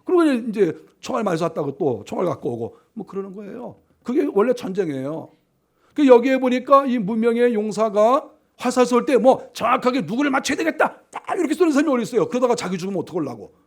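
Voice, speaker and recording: Man preaching, high and wildly varied voice, dramatizes scenes with shouts and quiet asides. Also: sing-song, quick pace. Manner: acts out characters with shouts and laughs, then drops to a low hush. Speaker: pastor. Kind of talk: animated sermon storytelling.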